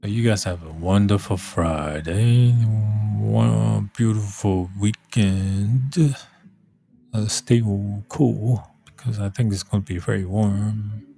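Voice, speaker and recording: Low-voiced, slow man. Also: dark tone, faint music behind. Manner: halting, repeats words and phrases. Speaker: livestream host. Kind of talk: casual rambling chat.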